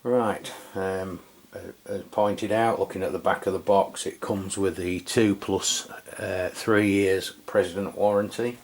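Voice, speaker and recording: A low-voiced man from England walks through a casual review of a radio. He's unhurried, relaxed and chatty, using lots of fillers and correcting himself often.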